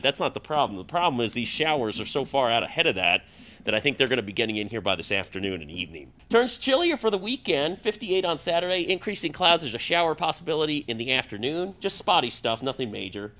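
Guy doing the tv weather, chatty, medium pitch, throws in puns. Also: a bit bright. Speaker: TV weather forecaster. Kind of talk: live weather forecast.

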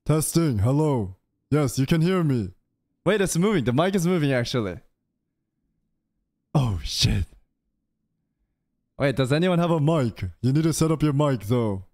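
A young man streams a game from his home streaming room, chatting with and teasing his group over casual voice chat. He sits close to a boom-arm studio mic, and his fairly high voice comes out a little slow with long pauses on a dry recording. He sounds playful, jumpy and animated.

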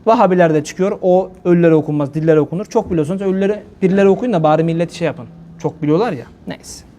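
A man preaching in a casual, humorous way, animated and often laughing as he addresses his listeners like friends. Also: high-pitched, fast, slight background noise. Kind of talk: casual humorous sermon talk.

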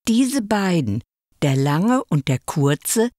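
A woman voicing a brisk male puppet theater director in a read-aloud fairy tale. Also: lowish voice, very animated, dark tone, no room sound, studio quality.

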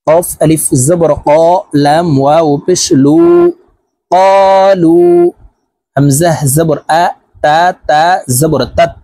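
A male Quran reading teacher with a fairly high but dark, mellow voice, spelling out words syllable by syllable. He stretches recited verses into a slow chant between brisk rule explanations. The sound is close and dry. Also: flat delivery, no room sound. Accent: Bangladeshi Bengali.

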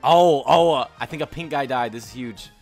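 A young man chatting excitedly with friends while playing an online game, laughing and swinging from mutters to shouts. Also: mid-range voice, fairly quick, soft background music. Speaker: gaming YouTuber. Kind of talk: excited gameplay chat with friends.

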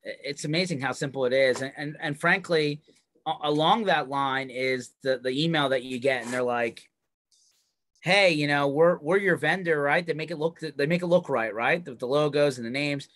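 A man's voice: mid-range voice, normal speed, a bit bright. A man hosting a casual live-show conversation, talking loosely with repeated words and frequent "right?" tags.

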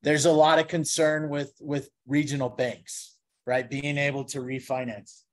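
A man's voice: fairly high pitch, flat delivery, measured pace. A man giving an investment presentation to a live audience, engaging and chatty, constantly asking the crowd questions. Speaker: guest speaker, investment presenter. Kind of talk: interactive sales presentation. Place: event venue with a live audience.

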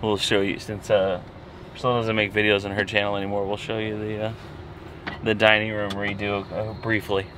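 Middle-aged dad vlogger, low voice, dry teasing humor, noisy handheld recording. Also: male voice, monotone, brisk, fairly bright tone. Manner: joking, dry sarcasm. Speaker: vlogger father. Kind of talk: casual family vlog chat.

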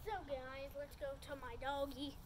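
A woman's voice: high-pitched, little pitch movement, moderate pace, noisy background. A young woman vlogging casually with her dog, chatty and rambling, gushing in baby talk. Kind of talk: casual vlog chat.

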